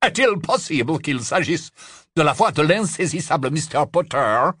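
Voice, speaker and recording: A reader voicing a cold, mocking old male wizard in a portrait in an audiobook, with a raised, lively voice. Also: medium pitch, normal speed, husky, dry recording, studio quality, voice pushed up. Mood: sly.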